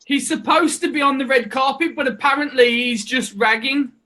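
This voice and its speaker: A man's voice: very high-pitched, fairly even intonation, moderate pace, bright, forceful tone, low-quality recording. A man co-hosting a casual live-stream chat over a video call, joking and laughing often. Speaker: co-host.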